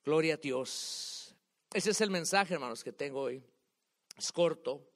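A man preaching a sermon to his congregation, swinging between loud calls and quiet asides, dropping English words into his speech. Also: a little high, lively intonation, a little slow. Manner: rises and drops in loudness, mixing English words in.

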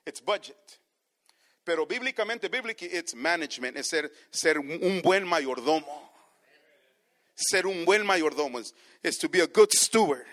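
This bilingual sermon comes from a man whose voice is fairly high and a bit bright, with lively intonation and an unhurried delivery. As a pastor, he says each line in one language, then repeats it in the other, frequently calling the congregation brothers.

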